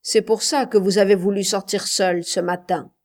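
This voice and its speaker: A woman's voice: medium pitch, steady tone, normal speed, darkish tone, lightly acted. Woman voicing a sarcastic jealous husband. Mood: probing. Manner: cutting, sarcastic questioning.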